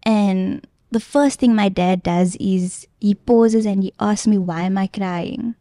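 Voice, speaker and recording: A woman's voice: mid-range voice, takes it slowly, dark tone, no echo, clean studio sound. A young woman guest earnestly retelling a personal story in casual chat, with plenty of filler ums. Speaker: podcast guest.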